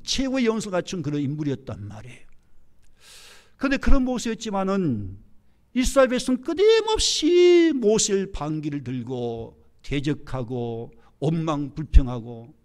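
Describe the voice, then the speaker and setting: Male pastor, church sermon, emphatic, rising and falling delivery, slightly high. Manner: emphatic, rhetorical questions to the congregation. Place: church sanctuary.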